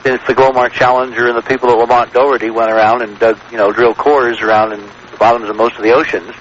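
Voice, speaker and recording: On a noisy, dull vintage radio broadcast, an American man speaks as a guest, explaining his theories in a forceful, lecturing style and making sure listeners follow. His mid-range voice keeps a level tone at a quick pace.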